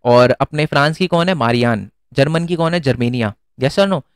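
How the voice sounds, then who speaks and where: A man's voice: medium pitch, normal speed, clean tone, no echo. A man teaching an exam-prep lesson in a casual, chatty way, often asking questions and answering them himself.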